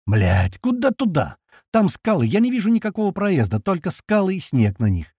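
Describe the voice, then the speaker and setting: A man voicing a gruff male soldier squad leader who yells and swears in a husky voice. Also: sits high, wildly swooping pitch, normal speed, no room sound, studio quality, voice pushed up, full character voice. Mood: yelling. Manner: yelling and swearing.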